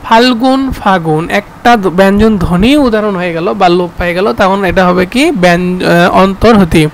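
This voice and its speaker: A man's voice: sits high, moderate pace, creaky, slight background noise, low-quality recording. A man with a Bangladeshi Bengali accent teaching an exam-prep grammar lesson, repeating terms and answering his own questions. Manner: repeats terms and asks himself questions, with fillers.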